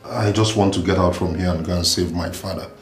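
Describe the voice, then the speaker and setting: An actor playing an imprisoned prince, earnest and pleading. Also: male voice, low-pitched, steady tone, brisk. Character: jailed young prince, anxious to save his father. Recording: echoey cell with music.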